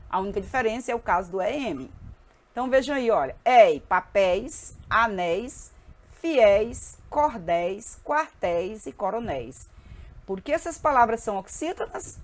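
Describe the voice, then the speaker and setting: A woman teaching a grammar lesson, spelling out letters slowly and often checking in with her students. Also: on the high side.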